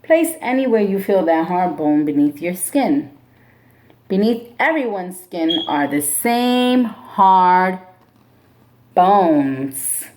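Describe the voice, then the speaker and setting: Reading a picture book to her class in a slow, expressive storybook manner, this woman teacher then turns to classroom instructions. Her voice sits on the low side.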